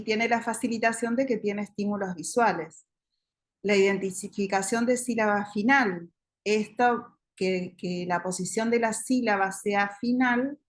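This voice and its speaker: A woman, a speech therapist giving a teacher training lecture. She explains step by step, checks in with her listeners and stretches sample words out slowly to demonstrate. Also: mid-range voice. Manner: explanatory, checks in with listeners with a quick question tag.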